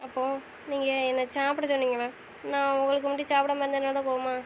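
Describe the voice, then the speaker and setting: A woman's voice: sits high, monotone, quick pace, a little hiss or hum, poor audio. A woman playing a wife in an audio drama, pleading and pressing with questions. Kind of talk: casual audio drama acting.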